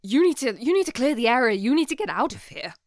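A woman's voice: fairly high pitch, big pitch swings, fast talker, no room sound, studio quality, voice pushed up. A woman voicing an urgent, commanding knight in a tabletop game. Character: urgent knight, human, mid-thirties.

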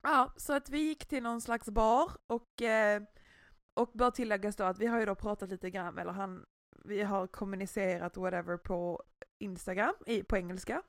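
A young woman chatting casually, telling a story with lively acted-out quotes. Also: medium pitch, no echo, studio quality. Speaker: podcast co-host. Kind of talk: casual chat.

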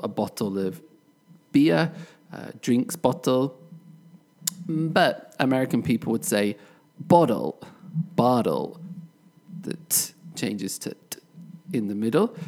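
A British man hosting a podcast English lesson, explaining word pairs slowly and modelling contrasting pronunciations. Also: mid-range voice, darkish tone. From Britain. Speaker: podcast host and English teacher.

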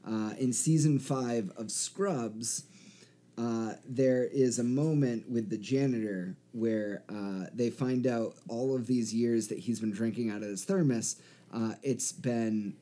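A man co-hosting a podcast, chatting casually and easily, laughing often and pausing on fillers. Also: mid-range voice, dark tone. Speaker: podcast co-host. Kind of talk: casual chat.

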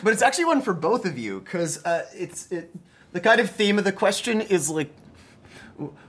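A man's voice: high voice, big pitch swings, moderate pace, slightly rough. A man hosting a casual conversation, asking thoughtful, rambling questions as he searches for the words. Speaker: podcast host.

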